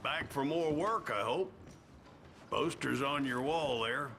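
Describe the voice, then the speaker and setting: Gravelly, wry lawman. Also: mid-range voice, takes it slowly, bright, forceful tone, slight background noise. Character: folksy, wry small-town lawman. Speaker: lawman handing out bounties.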